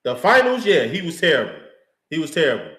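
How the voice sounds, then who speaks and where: A man's voice: a little high, huge pitch swings, fairly quick, sharp tone. Man in casual slangy sports chat, roomy echo. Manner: laid-back slangy, fan talk, laughs easily. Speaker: sports talk co-host.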